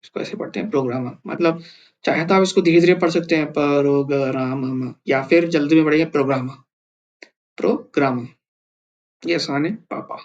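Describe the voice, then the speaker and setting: A man's voice: fairly high pitch, fairly even intonation, fast talker, highs cut off. A man teaching a language lesson, patiently sounding out each syllable one at a time. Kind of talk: explaining and spelling out syllables slowly.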